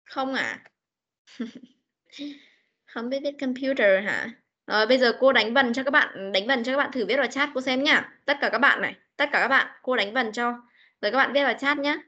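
A Northern Vietnamese woman teaching children over a video call, her high voice bright as she coaxes answers and repeats each question. She spells words out letter by letter. The sound is dull and lo-fi, like a meeting recording. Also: lively intonation, moderate pace. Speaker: English teacher. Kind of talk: online class teaching.

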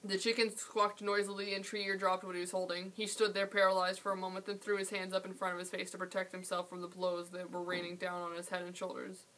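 A woman hosting a library read-aloud, reading a children's chapter book in a steady storytelling manner. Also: lowish voice, fast talker, few pauses, poor audio.

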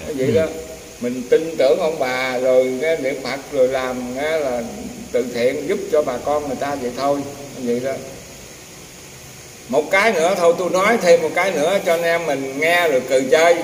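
This older man, an herbal healer at a temple, rambles through casual folksy tales and voices the other characters himself. He talks a little fast with a high-leaning voice, recorded in an echoey, roomy, distant space with faint noise.

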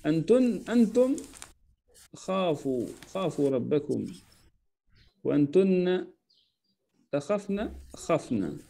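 A man's voice: on the high side, sing-song, slow, vocal fry, long pauses, warm tone. A man teaching Arabic verb conjugation, patiently drilling forms one by one and correcting himself and his student aloud. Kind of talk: correcting homework in an online lesson.

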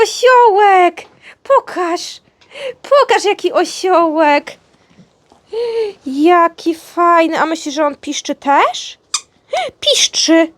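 A woman's voice: sits high, slight background noise. A woman chatting playfully with her dog while opening his birthday presents, coaxing him in a sweet pet-talk way. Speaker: vlogger, dog owner. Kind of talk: casual chat to her dog. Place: indoors at home with her dog.

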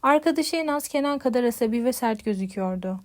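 A woman reading a first-person audiobook in a measured, expressive way. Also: a little high. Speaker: audiobook narrator.

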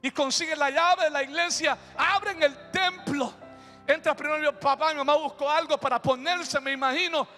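A male pastor telling a story during a sermon, preaching with shouted bursts and acted sound effects. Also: very high voice, fairly even intonation, normal speed. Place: church. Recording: echoey church hall with music.

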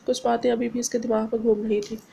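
A woman narrating a romance novel aloud at an even, steady pace. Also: on the high side, quick pace, vocal fry, a little hiss or hum. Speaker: audiobook narrator. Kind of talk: novel reading.

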